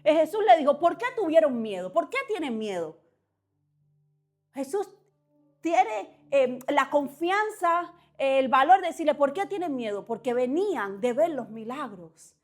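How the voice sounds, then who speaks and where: A woman delivers a sermon in a bright, high voice. She preaches with passion, swinging from quiet, measured pauses to loud, urgent exhortations. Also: big pitch swings.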